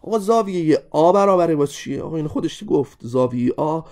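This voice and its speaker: A man teaching an exam-review math lesson, animated and constantly addressing his students directly. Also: on the high side.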